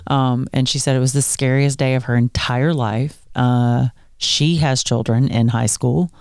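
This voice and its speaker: Lively laughing woman podcaster, smooth creak. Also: very deep voice, a little slow, no echo, clean studio sound. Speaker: podcast co-host. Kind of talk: casual podcast chat.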